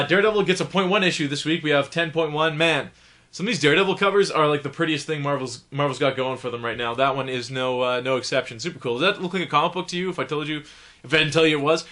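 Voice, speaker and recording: A man's voice: fairly high pitch, sharp tone. A young man hosting a comic book review show, talking casually and enthusiastically while getting over the flu, with lots of fillers. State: sick with a cold or flu. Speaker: comic book podcast host.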